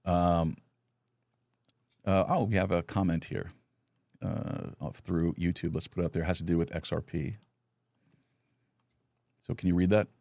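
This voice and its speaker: A man's voice: low-pitched, steady tone, a little slow, creaky, long pauses, darkish tone, no echo, clean studio sound. A middle-aged man hosting a live talk show, telling stories with many restarts and chuckles. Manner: storytelling with lots of restarts and chuckles. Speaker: podcast host. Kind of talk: casual live chat.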